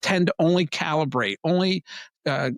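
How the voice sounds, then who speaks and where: A man answering interview questions, emphatic and plain-spoken, his voice worn and going hoarse. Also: normal speed, no echo. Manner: emphatic, plain-spoken, animated pitch jumps. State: losing his voice. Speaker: PR agency head, guest.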